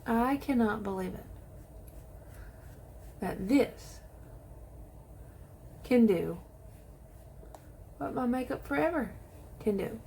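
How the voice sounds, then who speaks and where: A woman chatting excitedly to viewers while she does her makeup in a casual tutorial. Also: a little high, slow pace, vocal fry, pauses often, a little hiss or hum. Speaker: beauty vlogger.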